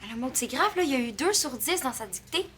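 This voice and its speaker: A young woman with a Quebec French accent playing an eager teenage girl who pushes and gets excited easily. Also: sits high, fast, a little hiss or hum. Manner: excited, pushy.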